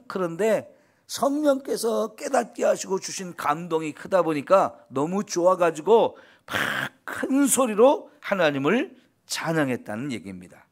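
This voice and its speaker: A pastor delivers an early morning sermon in an earnest, encouraging way, often affirming with a short "yes." His voice sits high.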